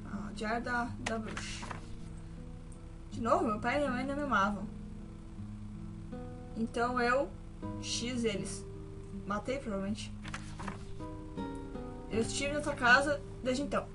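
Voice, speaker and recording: Over background game music, a woman hosting a gaming video nervously narrates her horror playthrough and lets out shrieks when frightened. She speaks slowly in a slightly high voice, leaving long pauses.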